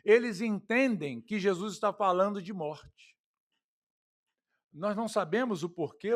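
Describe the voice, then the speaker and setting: Pastor guy, pretty high voice, preaching and asking the church lots of questions. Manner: conversational preaching, asks the congregation rhetorical questions. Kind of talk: expository sermon.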